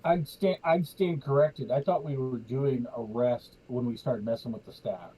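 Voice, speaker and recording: A man's voice: mid-range voice, moderate pace, dark tone. A man playing a tabletop game, joking and teasing the other players. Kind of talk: casual tabletop game chat. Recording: husky, dull lo-fi sound.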